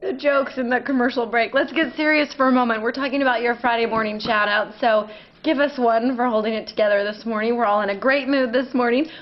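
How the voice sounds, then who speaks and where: A woman's voice: on the high side, fairly even intonation, quick pace, highs cut off. A woman anchoring a live morning news show, giggling through her lines. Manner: breaking into laughter.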